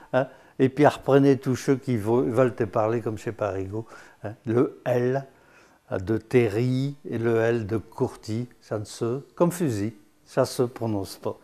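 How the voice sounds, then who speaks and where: A man's voice: mid-range voice, mellow. An older man giving a chatty, teasing dialect lesson full of asides. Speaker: patois teacher.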